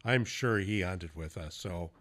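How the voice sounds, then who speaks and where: A man's voice: sits low, unhurried, a bit bright. A man hosting a podcast, telling hunting stories in a loose, casual way with the odd curse and laugh. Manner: storytelling, loose and profane, with laughs. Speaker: podcast host. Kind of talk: casual interview chat.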